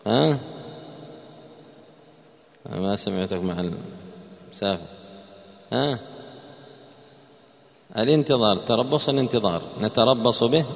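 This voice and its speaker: Slow, repetitive male Quran teacher, low voice. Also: animated, gravelly, in a large hall. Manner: slow, repeats each word, questions students by name. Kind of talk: classroom Quran word explanation.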